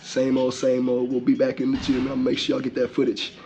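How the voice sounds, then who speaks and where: A man's voice: mid-range voice, monotone, a little fast, warm tone. A young man talking casually to camera in a gym locker room, with slangy, laid-back speech and lo-fi sound with faint noise. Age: young adult. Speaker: vlogger. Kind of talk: casual vlog talk to camera. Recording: dull lo-fi audio, faint background noise.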